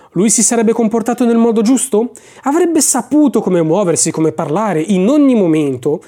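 An audiobook narrator giving a measured, expressive reading of a novel chapter. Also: medium pitch.

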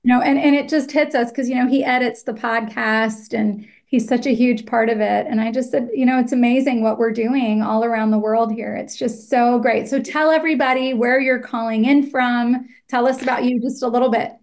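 A woman's voice: on the high side, fairly even intonation, normal speed, few pauses, a little mellow. A middle-aged woman hosting a podcast interview, effusive and enthusiastic in how she talks. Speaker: podcast host.

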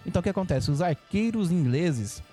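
A man's voice: high voice, animated, fairly quick, mellow, soft background music. A man co-hosting a casual chat, telling history trivia in a laid-back, jokey way. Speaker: podcast co-host.

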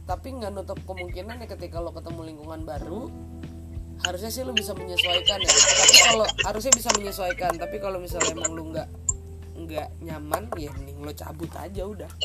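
A woman's voice: lowish voice, a little fast. A young woman with a Jakarta accent chatting casually in slang as a podcast co-host, driving her points home emphatically. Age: young adult. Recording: loud music behind the voice.

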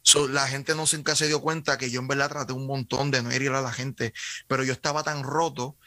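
Over a video call, a man with a Puerto Rican accent earnestly shares his faith story as a guest in casual conversation, often restarting and correcting his sentences. His mid-range voice is level, fairly quick, pushed and bright, with no room sound.

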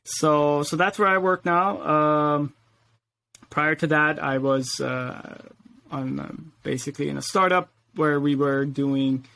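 Guy in his 40s, grew up in sweden, kinda gravelly, lots of uhs and ums, chill podcast guest. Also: on the high side, slow pace. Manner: relaxed, hesitant with many fillers, laughs easily. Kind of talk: casual interview talk.

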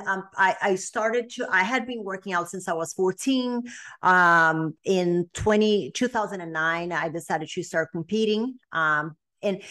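A woman in her late thirties with a Brazilian accent is a guest in a casual podcast interview, telling her story chattily with lots of ums and restarts. Her voice is lowish with a fairly bright tone.

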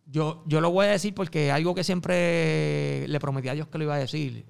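A man with a Puerto Rican Spanish accent tells stories in an interview, swinging from loud to hushed and acting out what the people in them said. His voice is gravelly, with a pitch a little high for a man. He talks in a lively, animated way. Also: a little fast. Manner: acts out quoted voices, swings loud and soft. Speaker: music promoter and guest.

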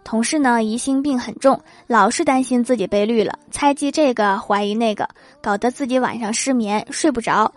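A woman's voice: a little high, moderate pace, few pauses, no room sound. Wry young woman telling comic stories. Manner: lively, wry storytelling. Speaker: comedian. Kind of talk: comic monologue.

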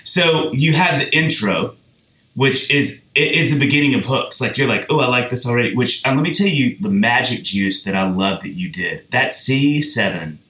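A man hosting a podcast, talking about songwriting in an animated, chatty way with frequent restarts and easy laughter. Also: medium pitch, normal speed, echoey room. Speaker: podcast host. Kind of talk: casual music chat.

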